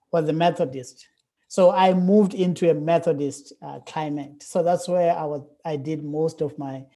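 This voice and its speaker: A man's voice: on the high side, darkish tone. A South African man in his forties, a curate answering interview questions in a thoughtful, hesitant way with many fillers. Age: 40s. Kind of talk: casual interview.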